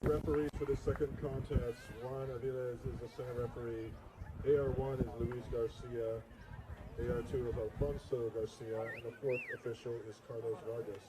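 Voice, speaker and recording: A man calls out lineups as the announcer at an outdoor soccer field, in a measured, formal announcing rhythm. His voice sits in a middle register. Heavy outdoor noise rumbles under the recording. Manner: steady formal announcing cadence. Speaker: stadium announcer. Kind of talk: public address player introductions.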